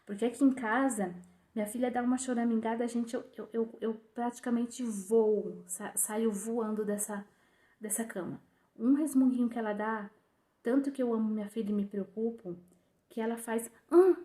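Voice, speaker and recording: A woman's voice: fairly high pitch, steady tone, moderate pace, dark tone. A young woman, a new mother, telling her story casually to the camera, acting out what others said and sounding indignant. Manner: retells dialogue in other voices, indignant and emotional.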